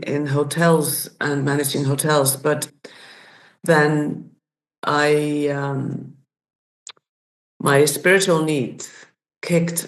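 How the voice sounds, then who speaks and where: An Icelandic woman in her sixties, a community facilitator, appears as a podcast guest and reflects on her life story. Her voice is deep and gravelly, and she speaks thoughtfully, restarting sentences and searching for words.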